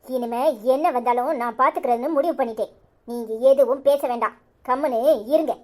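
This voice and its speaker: A woman's voice: high-pitched, darkish tone, natural voice. A woman voicing a bitter, stubborn young married daughter in a cartoon serial, speaking with a Tirunelveli Tamil accent and firing accusing questions. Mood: commanding. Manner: accusing, insistent, rapid-fire questions.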